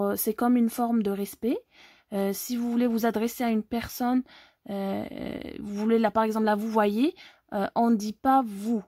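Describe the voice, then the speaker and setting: A woman's voice: a little high, warm tone, no room sound, studio quality. A woman from Algeria teaching an online language lesson, explaining step by step and often checking that viewers follow.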